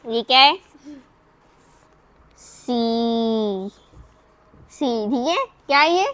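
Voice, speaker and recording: A woman's voice: on the high side, animated, extremely slow, fairly bright tone. A woman vlogging casually, coaxing and teaching in a playful manner like a teacher. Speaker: family vlogger. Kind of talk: casual vlog.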